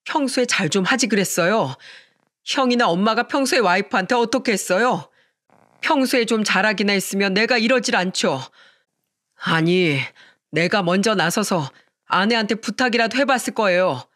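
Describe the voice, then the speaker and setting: A narrator voicing a husband who pleads with his mother and gently apologizes to his wife. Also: mid-range voice, moderate pace, no room sound, studio quality, lightly acted. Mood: pleading, firm. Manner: earnest and pleading. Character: pleading, protective grown son and husband.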